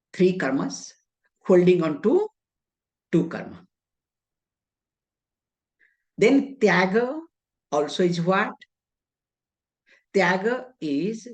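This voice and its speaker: A spiritual teacher with an Indian English accent gives a scriptural discourse in a mid-range voice. She speaks deliberately, weaves in Sanskrit terms and answers her own rhetorical questions.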